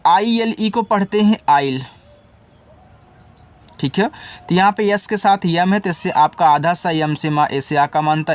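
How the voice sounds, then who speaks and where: A man who teaches English and spells words out letter by letter, then patiently explains how to read them. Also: a little high. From India. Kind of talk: spelling lesson.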